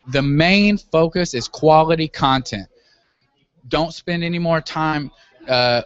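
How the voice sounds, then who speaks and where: A man with a mid-pitched voice talks as an interview guest. He explains things earnestly and casually, feeling his way through sentences with some hesitation. The audio is muffled and lo-fi. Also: fairly bright tone. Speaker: guest, web business owner. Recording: dull, lo-fi audio.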